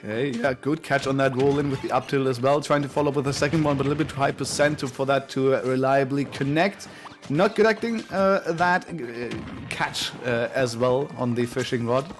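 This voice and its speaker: A man calling play-by-play for an online fighting-game tournament in an energetic way, with frequent fillers. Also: medium pitch, brisk, soft background music. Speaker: play-by-play commentator. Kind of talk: esports commentary.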